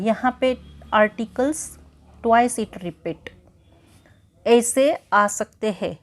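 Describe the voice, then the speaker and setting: Slow, patient woman with an Indian English accent. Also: a little high, a little mellow. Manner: patient, repetitive, checking in with the listener. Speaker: English teacher. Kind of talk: bilingual grammar lesson.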